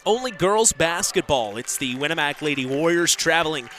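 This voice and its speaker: A man's voice: on the high side, lively intonation, normal speed, fairly bright tone. An American man hosting a radio pre-game sports broadcast as play-by-play announcer, in a formal, welcoming delivery. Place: school gymnasium.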